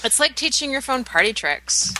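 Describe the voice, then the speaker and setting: A woman from Canada with a Canadian accent, chatting casually as a guest and explaining things with quick asides. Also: sits high, expressive, background noise. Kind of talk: casual podcast chat.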